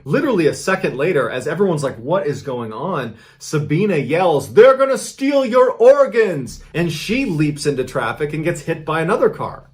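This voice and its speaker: A storyteller host with a mid-range male voice narrates a strange true story in a casual, conversational way. He builds suspense with sudden emphatic lifts.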